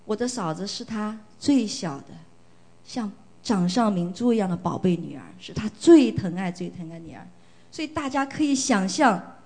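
A woman's voice: mid-range voice, warm tone. A middle-aged woman from China giving an earnest, emotional church testimony, often repeating phrases for emphasis.

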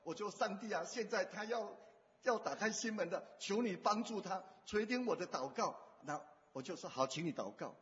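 Man pastor, high voice, storytelling sermon, dull echoey hall sound. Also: animated, moderate pace. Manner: storytelling, acts out dialogue, swings between loud and soft. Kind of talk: sermon with retold personal story.

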